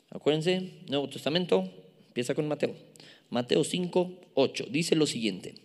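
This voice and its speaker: A man's voice: on the high side, a little mellow. Mexican man preaching in a reverberant hall. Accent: Mexican Spanish. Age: 30s. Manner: emphatic, repeats key words, playful asides to the congregation. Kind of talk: sermon.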